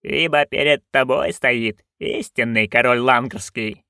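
A man voicing a stern, commanding old witch in an audiobook, speaking low, curt and dry. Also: a little slow, creaky, sharp tone, no room sound. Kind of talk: audiobook reading.

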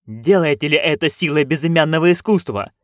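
A man voicing a fretful, commanding dwarf stage director who drills his troupe with slow, barked questions in an audiobook. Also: on the high side, animated, dry recording, studio quality, lightly acted. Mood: drilling. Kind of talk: audiobook narration.

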